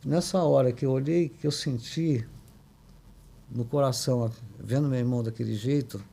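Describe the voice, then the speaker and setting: Older guy from brazil, gravelly dark voice, telling a sad family story, lots of restarts. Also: mid-range voice. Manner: halting, many restarts and tag questions. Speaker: podcast guest. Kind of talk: emotional personal storytelling.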